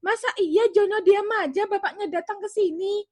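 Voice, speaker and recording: A woman voicing a curious, soft-hearted housewife who presses her husband for gossip. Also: very high voice, moderate pace. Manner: curious, pleading.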